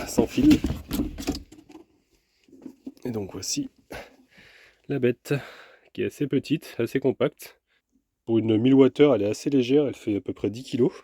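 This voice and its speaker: A man casually unboxing and reviewing a portable power station in a relaxed, chatty vlog, pausing often with hesitations. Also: mid-range voice, slight background noise.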